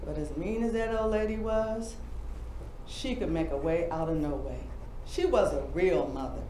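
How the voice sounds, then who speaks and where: A woman playing a weary mother whose children are grown, speaking in a measured, reflective monologue. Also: fairly low pitch, mellow, reverberant, a little hiss or hum, voice pushed down, natural voice, rough recording. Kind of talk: dramatic audition monologue.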